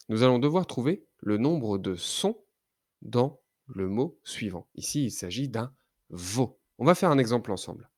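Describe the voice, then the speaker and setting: A man leads a children's phonics lesson at a very unhurried pace, stretching out each syllable so a child can follow. His pitch sits in a middle range, and the recording is dry and close with no room sound. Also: a little mellow, no echo. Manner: slow, careful, articulating syllables for a child. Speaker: reading teacher.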